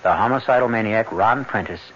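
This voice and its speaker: A man narrating a radio drama in a measured, reflective way, heard through an old AM radio broadcast. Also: lowish voice, a bit bright, a little hiss or hum. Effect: old AM radio broadcast sound. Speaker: host narrator. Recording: dull lo-fi AM radio broadcast with music.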